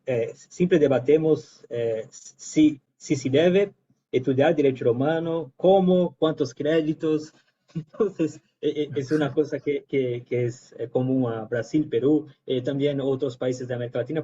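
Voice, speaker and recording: A man from Brazil offers informal academic remarks in a mellow, relaxed tone. His Spanish has a Brazilian accent and slips into Portuguese words, as that is his native language. He searches haltingly for words, and the online call sounds slightly dull and lo-fi. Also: mid-range voice, slight background noise. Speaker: guest lecturer. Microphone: video call.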